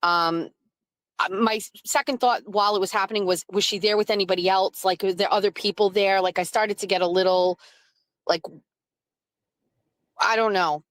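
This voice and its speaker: A woman's voice: medium pitch, fairly even intonation, moderate pace, long pauses, no room sound. A woman telling a story on a live stream, rambling with many fillers and reading chat comments. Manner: rambling with frequent "like" fillers and laughs; reads and answers chat comments.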